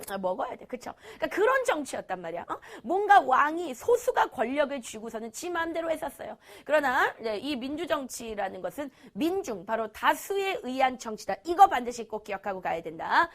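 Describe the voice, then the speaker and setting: A young woman teaching an online lesson to students, playful, asking questions and answering them herself. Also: high voice. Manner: lively, playful, asks and answers own questions.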